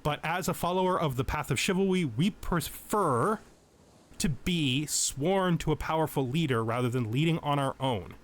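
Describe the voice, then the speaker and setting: Hosting a let's play, a man whose voice sits slightly above average pitch shifts between explaining the game and reading lore aloud at a measured pace, like a storyteller. The talk blends tutorial-style game commentary with lore readings.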